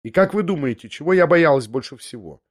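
A man's voice: on the high side, lively intonation, brisk. A man reading an audiobook, voicing a young noblewoman who confesses in a breathless, restless way, half talking to herself, in a slightly raised voice. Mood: confiding. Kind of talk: audiobook character voice.

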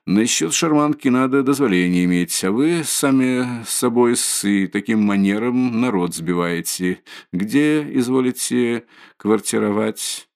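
A stern, officious policeman of the old empire , as a male narrator reads him. He gives orders in a stiff, formal way. His voice is lightly raised from the narrator's usual low tone. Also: unhurried, darkish tone, lightly acted.

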